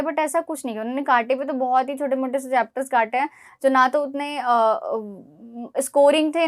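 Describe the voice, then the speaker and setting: A young woman from India giving direct, scolding yet encouraging study advice to exam students. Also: high-pitched. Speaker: exam prep mentor.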